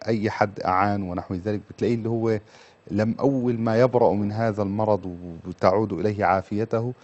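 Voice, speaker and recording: A man's voice: on the low side, steady tone, fast, a little mellow, highs cut off. A man with an Egyptian Arabic accent giving religious advice as a scholar, mixing formal and colloquial speech and reasoning with repeated set phrases. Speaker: Islamic scholar answering callers.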